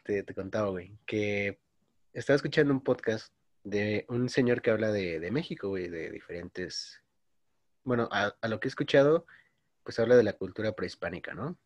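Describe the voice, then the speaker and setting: A man's voice: fairly low pitch, moderate pace, no room sound. A man in his twenties with a Mexican Spanish accent, co-hosting a podcast and telling stories in slangy casual chat. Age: 20s. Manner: slangy, says "güey" constantly, storytelling. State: coughing. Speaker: podcast co-host.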